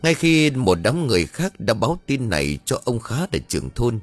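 A man's voice: mid-range voice, big pitch swings, normal speed, no room sound, faint music behind. A man narrating a ghost story in a dramatic storytelling manner.

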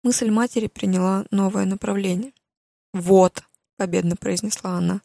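A woman reads a novel aloud in a steady, measured storytelling voice. Her tone has a gravelly, creaky texture. The recording is dry and close, with no room sound. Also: mid-range voice, no echo. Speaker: audiobook narrator. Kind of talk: scripted narration.

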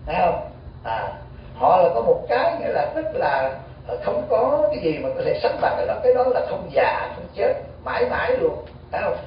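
A Buddhist monk giving an animated storytelling sermon, full of rhetorical questions. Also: male voice, sits high. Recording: echoey hall, distant dull mic.

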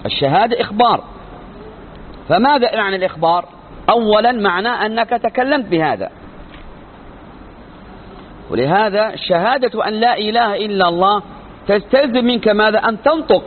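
This sheikh's voice is high and expressive as he teaches creed at a moderate pace, leaving long pauses. He lectures emphatically, raising rhetorical questions and supplying his own answers, on a thin, narrow recording with faint background noise.

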